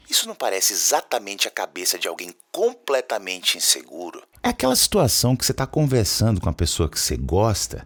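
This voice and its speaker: Lively, gravelly Brazilian teacher. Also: male voice, medium pitch. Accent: Brazilian Portuguese. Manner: lively, slangy, repeats words slowly to show pronunciation. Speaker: English teacher. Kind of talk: casual explanatory lesson.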